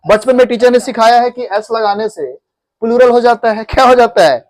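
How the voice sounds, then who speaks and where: Teaching an English class at normal speed, a man with an Indian accent speaks in a very high-pitched voice. His lesson combines Hindi and English, with questions and repeat-after-me drills for the students.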